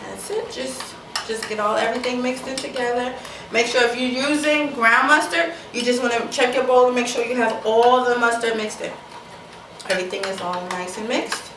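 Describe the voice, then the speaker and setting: A woman's voice: fairly high pitch, background noise. A woman hosting her own cooking show, chatting casually as she mixes and tastes in a home kitchen, often repeating herself. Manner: casual, chatty, repeats herself, talks with mouth full while tasting. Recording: echoey kitchen, mic at a distance, clatter of dishes.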